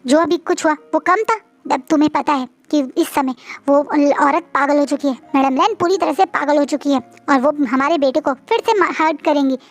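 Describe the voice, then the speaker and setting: A woman's voice: high-pitched, moderate pace. A woman voicing an angry, worried father scolding his wife in a storybook reading. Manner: sharp, scolding.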